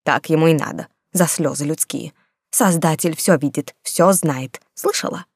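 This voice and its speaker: A woman's voice: sits low, moderate pace, darkish tone, slightly rough, no room sound, clean studio sound. Woman doing a spiteful bony laundress of fifty. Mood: gloating. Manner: gloating, spiteful. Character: thin bony laundress around fifty, gloating.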